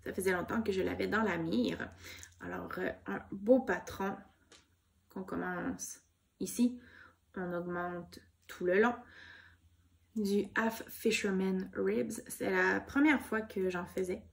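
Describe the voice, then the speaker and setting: Quebecois lady vlogging about knitting, slow and soft, lots of euh's, bit of fry in her voice. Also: medium pitch. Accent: Québécois. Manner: soft-spoken, gushing, with frequent fillers and little laughs. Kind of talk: casual show-and-tell chat.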